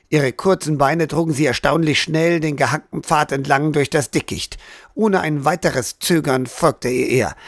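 A man reading an audiobook aloud as narrator, in a steady, even storytelling manner. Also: fairly high pitch, dry recording, studio quality. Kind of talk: scripted narration.

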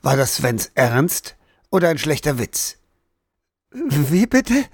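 A man reading an audiobook aloud as narrator, in a steady, even storytelling manner. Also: mid-range voice, measured pace, dry recording, studio quality. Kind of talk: scripted narration.

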